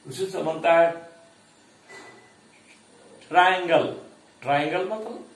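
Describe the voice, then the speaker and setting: Indian guy lecturing real slow, voice goes up and down a lot, far from mic. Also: fairly high pitch. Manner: slow, repeats and spells out syllables, mixes Hindi and English. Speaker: college lecturer. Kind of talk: classroom lecture on English pronunciation. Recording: echoey classroom, mic far off.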